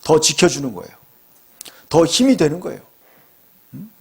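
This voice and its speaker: A man's voice: on the high side, very animated, moderate pace, gravelly, breathy edge. A middle-aged male pastor preaching a fervent sermon, often calling out to his congregation.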